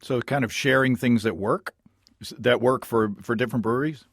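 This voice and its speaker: A man hosting a casual podcast interview, phrasing things in a halting, reworded way. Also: mid-range voice, fairly even intonation, creaky, a bit bright, slightly rough, no room sound, clean studio sound. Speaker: podcast host.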